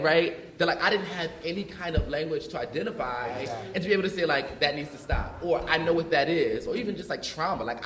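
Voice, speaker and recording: A man from North Philadelphia, speaking as an educator, talks animatedly on a panel in a large room with an audience. His voice sits on the high side, the sound is reverberant, and his casual conversational delivery is full of fillers like "like" and "you know what I mean."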